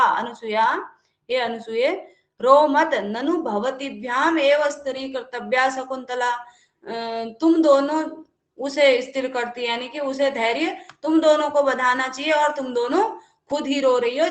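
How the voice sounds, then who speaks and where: A Sanskrit teacher leads a live online class, reading verses slowly before explaining them conversationally, and greets students as they join. Her voice is fairly high and sounds reverberant.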